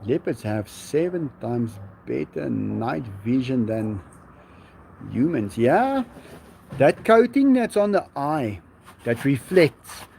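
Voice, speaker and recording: His voice is mid-range and very animated, with vocal fry and a slightly mellow tone, plus a little hiss or hum. He's a South African man with an Afrikaans accent, a native speaker of the language, casually live-streaming outdoors at sunset, unhurriedly musing, reading viewer questions aloud and chuckling.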